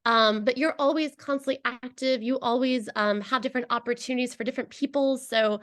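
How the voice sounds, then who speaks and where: A woman's voice: high voice, steady tone, fairly quick, fairly bright tone. A woman chatting casually as an interview guest, explaining things conversationally and often checking in with the listener. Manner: chatty, explanatory, peppers talk with "you know" and "right?". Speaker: podcast guest, language educator.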